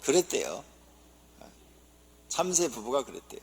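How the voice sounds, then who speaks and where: A male pastor opening his sermon by telling jokes in a lively storytelling manner. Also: mid-range voice, unhurried, husky. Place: church sanctuary. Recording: long church reverb.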